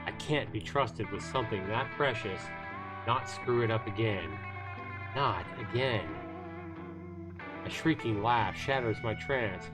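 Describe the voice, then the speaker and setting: With guitar music in the background, a man with a fairly low pitch reads visual novel narration aloud on a livestream. His measured, dramatic delivery pauses often and includes an occasional stumble.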